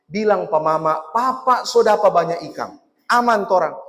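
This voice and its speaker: Man doing a fisherman dad praying hard to god, manado malay accent, kinda high voice, lots of hall reverb. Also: moderate pace, fairly bright tone. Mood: relieved. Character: relieved, pious middle-aged fisherman father.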